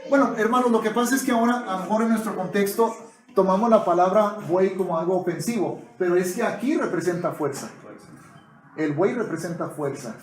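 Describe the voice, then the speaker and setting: A man's voice: high voice, fairly quick, reverberant, poor audio. A man preaching a sermon, often calling his listeners brothers and asking them to agree. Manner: addresses the congregation as brothers, asks for agreement often.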